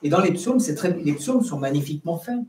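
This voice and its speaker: A man's voice: a little high, lively intonation, fairly quick, darkish tone. A middle-aged man, an Orthodox priest giving an unscripted catechesis talk, full of restarts and sung-out example syllables. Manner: many restarts and fillers, sings out syllables as examples. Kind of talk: spontaneous teaching talk. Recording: roomy sound from a distance.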